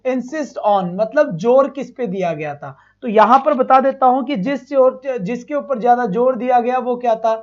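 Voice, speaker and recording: A man's voice: very high voice, animated, normal speed, hardly any pauses, lo-fi sound. A male teacher giving an online exam-prep class, asking his own questions, answering them and repeating each point, and praising the students as his children.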